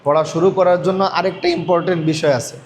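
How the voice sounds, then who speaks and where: A man leads a Quran reading class, slightly high in pitch. He keeps asking the class questions and repeating their answers back to them. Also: steady tone, fast, a little hiss or hum. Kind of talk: classroom lesson.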